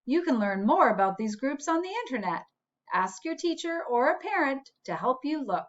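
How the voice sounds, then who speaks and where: Big pitch swings mark this slow, expressive read-aloud, in which a woman with a fairly high voice reads to young children the way a principal would at story time. She uses clear, teacherly phrasing and asides, and the recording is slightly dull.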